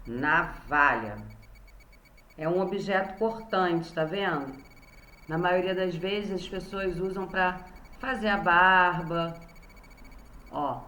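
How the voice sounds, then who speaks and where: A woman's voice: lowish voice, fairly even intonation, slow pace, a bit bright. A woman teacher with a Brazilian Portuguese accent, giving a recorded lesson to young children and patiently sounding out words syllable by syllable. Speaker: primary school teacher. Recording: roomy echo.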